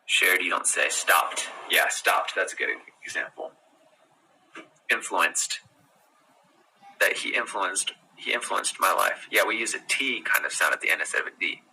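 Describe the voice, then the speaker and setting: A man with an American accent giving a relaxed pronunciation lesson, repeating words slowly and drawing out each sound. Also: low voice, vocal fry, slight background noise, poor audio. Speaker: pronunciation teacher.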